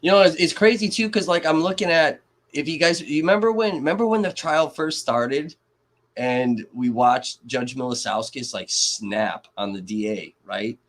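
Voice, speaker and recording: A man's voice: a little high, normal speed, fairly bright tone. A man from Kenosha, Wisconsin, hosting a live trial commentary stream and ranting in a profane, sarcastic way. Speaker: livestream host.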